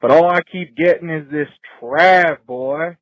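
A man leaving a joking voicemail message in a slow, folksy, teasing drawl, played back from a recording. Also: fairly high pitch, no echo, dull audio.

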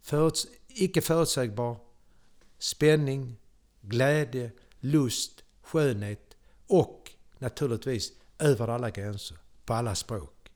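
Animated older Swedish man with Scanian accent. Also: medium pitch. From Sweden. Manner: theatrical, switches to sudden loud exclamations. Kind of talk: animated personal storytelling.

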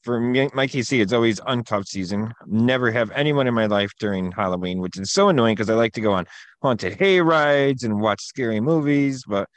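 Male co-host, rambling storyteller, middle pitch, dry close recording. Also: brisk, no room sound. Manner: rambling, storytelling, lots of fillers. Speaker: podcast co-host. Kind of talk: casual chat.

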